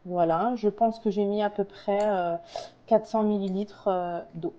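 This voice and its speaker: A woman's voice: medium pitch, fairly even intonation, a little slow, dull audio. A woman casually talking through a recipe step by step as a home cook, in a hesitant, explanatory way. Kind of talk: casual cooking tutorial, talking through steps.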